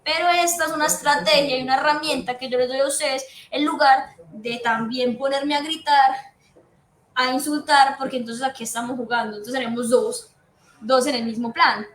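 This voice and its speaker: At a moderate pace and with fairly even intonation, a high-voiced, slightly bright Colombian psychiatrist gives an earnest explanatory talk to patients' families. She returns to her key points repeatedly, recorded in an echoey room with faint noise behind her.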